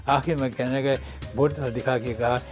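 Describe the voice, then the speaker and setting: A man's voice: medium pitch, fairly even intonation, music in the background. A man hosting a radio show, telling funny anecdotes in a chatty, joking way and acting out the quotes. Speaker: radio host. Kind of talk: humorous radio storytelling.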